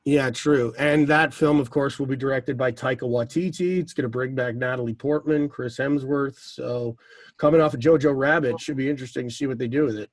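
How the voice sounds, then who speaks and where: A man co-hosting a film podcast, chatty and enthusiastic, with quick asides. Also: medium pitch, steady tone, no echo. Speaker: podcast co-host. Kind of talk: casual film talk.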